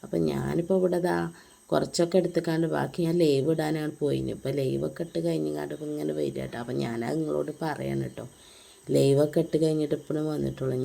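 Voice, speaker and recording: Low, gravelly-voiced woman from Malappuram. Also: dark tone. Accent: Malappuram Malayalam. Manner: chatty, addresses viewers with frequent tag words. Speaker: family vlogger. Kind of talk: casual home vlog narration.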